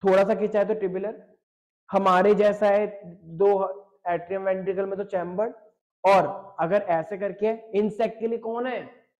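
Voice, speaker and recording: Man, high voice, biology teacher, joking and teasing, mix, dull lo-fi audio. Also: fairly even intonation, normal speed, darkish tone. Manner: jokey, teasing, talks straight to students. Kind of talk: online class lecture reading chat questions.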